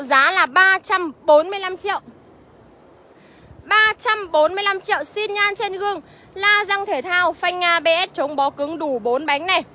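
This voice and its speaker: Woman car seller, Northern Vietnamese accent, very high bright voice, chatty sales pitch, outdoor lot. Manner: chatty, rattles off car features and prices.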